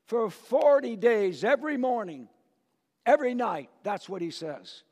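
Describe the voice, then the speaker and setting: A man's voice: very high-pitched, lively intonation, unhurried. A man preaching a storytelling sermon in a church, dramatic and asking the congregation questions, with a long reverb.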